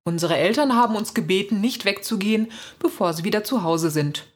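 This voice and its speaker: A woman reading a first-person children's story aloud in a lively, expressive way, with a husky voice. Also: mid-range voice, a little fast. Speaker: reader.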